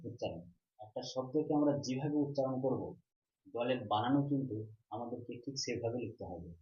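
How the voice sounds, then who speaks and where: A man teaching an online grammar lesson, asking questions and answering them himself, drawing out syllables. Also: medium pitch. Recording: roomy, slightly dull recording.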